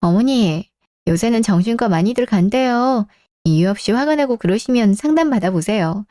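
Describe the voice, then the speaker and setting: A politely cold young daughter-in-law, played by a woman in a radio drama, speaking with formal words but no warmth. Her voice is somewhat high and recorded dry and close. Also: expressive, moderate pace, no room sound, natural voice. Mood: curt. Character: curt young-adult daughter-in-law, a teacher. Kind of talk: Korean radio drama acting.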